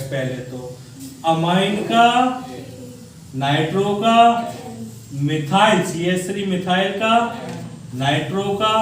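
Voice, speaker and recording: A man's voice: high voice, slight background noise. A male chemistry teacher lecturing at a board, quizzing students and repeating key words for them to answer. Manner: call-and-response questioning, repeats key words. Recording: echoey room from far off.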